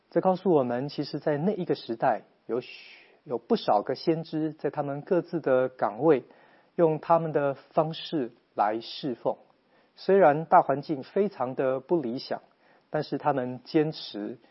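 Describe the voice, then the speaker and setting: A man giving an earnest, measured Bible teaching talk with rhetorical questions, on a slightly dull, lo-fi recording. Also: on the high side, breathy edge. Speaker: preacher.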